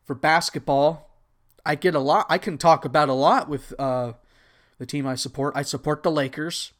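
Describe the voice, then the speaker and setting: A young American man in his twenties with a Texan accent hosts an unscripted solo podcast, rambling casually and correcting himself as he goes. His voice is a little high, with fairly even intonation at a moderate pace.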